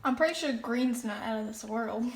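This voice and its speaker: A woman's voice: fairly high pitch, fairly quick. A woman chatting wryly in casual family banter while baking in a home kitchen. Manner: chatty, wry. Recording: distant, echoey, loud noise.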